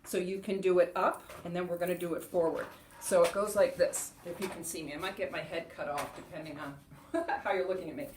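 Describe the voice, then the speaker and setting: Lower-voiced woman teaching breathing. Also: fairly even intonation, brisk, slight background noise. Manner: chatty, laughs often, loud rhythmic "ha" shouts during exercises. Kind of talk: casual instructional talk to camera.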